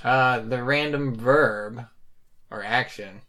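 A man's voice: medium pitch, slow, bright, forceful tone. A man hosting a casual chat with friends, reading prompts aloud and laughing often.

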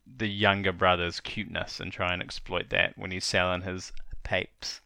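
Male co-host, low gravelly voice with a bright edge, dry close sound, casual and opinionated. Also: flat delivery, moderate pace, no echo. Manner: joking, opinionated. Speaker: podcast co-host. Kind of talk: casual movie review chat.

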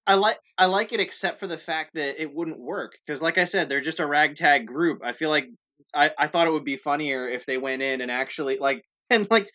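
Bright-voiced man riffing and laughing. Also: on the high side, brisk, dull audio. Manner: rambling, laughs often, acts out bits. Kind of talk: casual brainstorming chat.

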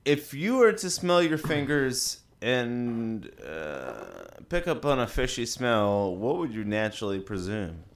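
A man co-hosting a podcast in casual chat, with a monotone voice and dry, crude banter. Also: medium pitch, unhurried, hardly any pauses. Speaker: podcast co-host.

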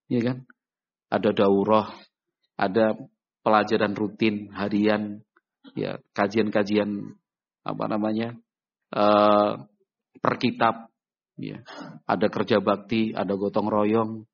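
Animated male preacher, dull recording. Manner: animated, acts out little dialogues with raised pitch. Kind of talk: Islamic sermon.

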